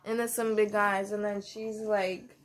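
Slow, soft-spoken young mom. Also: female voice, medium pitch, level tone. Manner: soft-spoken, many fillers, candid. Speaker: mom vlogger. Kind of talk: casual vlog talk.

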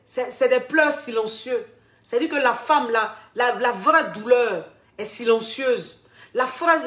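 A woman's voice: fairly high pitch, reverberant. A woman relationship coach talking to her followers, repeating herself with emphasis and asking rhetorical questions. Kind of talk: monologue to camera.

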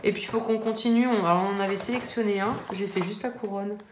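A woman's voice: medium pitch, steady tone, quick pace. A woman in her thirties casually chatting about her coloring books, full of fillers and restarts. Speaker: coloring-book vlogger. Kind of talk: casual chat showing her book collection. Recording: echoey room with faint noise.

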